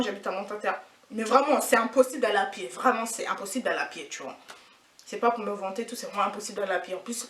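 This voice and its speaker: A woman in her twenties telling a story in a casual, indignant, slangy way, repeating herself for emphasis. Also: on the high side. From France. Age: 20s. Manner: indignant, animated, repetitive slangy retelling. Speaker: vlogger. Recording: echoey room, mic at a distance.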